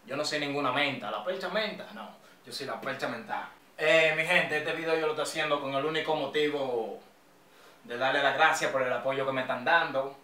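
A man's voice: medium pitch, steady tone, fairly quick, pushed and bright. A young man with a Dominican accent, vlogging in a rowdy, joking, slangy way. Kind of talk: casual street-slang vlog. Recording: echoey room, mic a bit distant.

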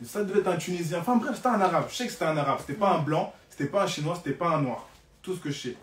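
A man's voice: on the high side, rapid-fire. Dramatic young man telling a story, roomy and distant. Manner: dramatic, repeats phrases for emphasis. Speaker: live streamer telling a story. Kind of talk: animated storytelling.

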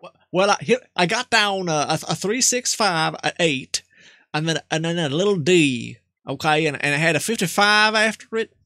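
A man's voice: on the high side, expressive, normal speed, sharp tone, no room sound. A man plays a folksy old country fellow baffled by computers, in a raised voice. He stammers, rambles and repeats his words, flustered in a prank-call comedy way, on a dry close mic.

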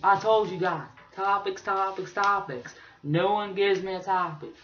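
Casting: young man as opinionated backwoods redneck vlogger, high-pitched rural drawl, rambling casually, dull lo-fi webcam sound. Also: unhurried, fairly bright tone, faint music behind. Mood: casual, bored. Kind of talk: casual vlog rambling in character. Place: small bedroom, indoors. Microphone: webcam or laptop mic at arm's length.

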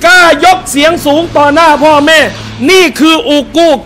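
Before a live crowd in a restaurant hall, a man who teaches Islam delivers a sermon full of personal anecdotes and acted-out quotes, calling to his brothers and sisters. His very high voice is bright and forceful with little pitch movement at normal speed, and there's a little hiss or hum.

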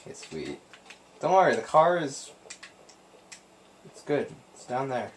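Slow-talking young man gaming, noisy room. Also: mid-range voice, expressive. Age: teens or young adult. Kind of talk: casual gameplay banter with swearing. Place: small room indoors on a couch. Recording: noisy room recording with game audio.

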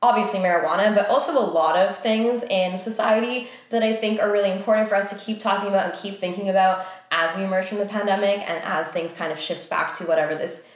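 A woman's voice: mid-range voice, steady tone, fast talker. Young woman, theatre director, casual chat, lots of fillers, very echoey room. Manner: chatty, filler-heavy, thinking aloud. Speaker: theatre company co-founder and director. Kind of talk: casual conversation.

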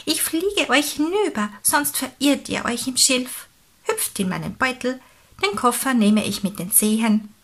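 A woman voicing a strong, helpful pelican in a children's storybook, talking loudly and heartily. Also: high-pitched, lively intonation, measured pace, pitched above the performer's own voice, exaggerated voice. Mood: hearty. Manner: loud, bright and hearty.

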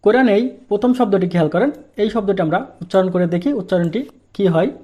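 A man's voice: sits high, fast, a little mellow. A man teaching a language lesson, explaining each rule step by step and asking rhetorical questions before answering them. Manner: patient, asks rhetorical questions, repeats rules.

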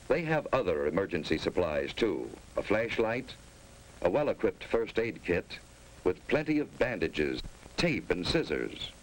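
Grave American civil defense film narrator, animated man. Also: sits low, unhurried. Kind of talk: 1950s instructional film narration. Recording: noisy old 1950s film soundtrack.

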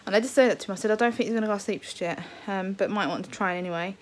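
A heavily pregnant, uncomfortable woman vlogs casually to camera for her family channel, rambling and hesitant with lots of ums. Her mid-range voice races along. Faint background noise sits behind her.

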